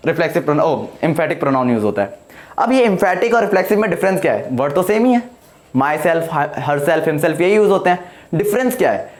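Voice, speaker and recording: A man teaching an English grammar lesson at a whiteboard, explaining slowly, repeating points and asking the class questions. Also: high voice.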